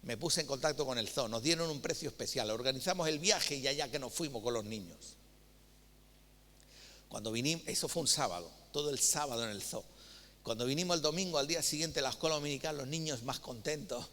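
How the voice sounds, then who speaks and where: A man with a Spain Spanish accent preaching a sermon, telling anecdotes and reading scripture in a lively storytelling manner, with a long reverb of a church hall. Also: medium pitch, brisk, slight background noise. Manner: lively storytelling, acting out dialogue.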